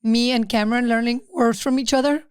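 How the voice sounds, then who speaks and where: A woman's voice: fairly high pitch, steady tone, brisk, clear, resonant tone, no room sound, clean studio sound. A woman in her fifties co-hosting a podcast, chatting casually and laughing often. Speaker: podcast co-host. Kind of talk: casual chat.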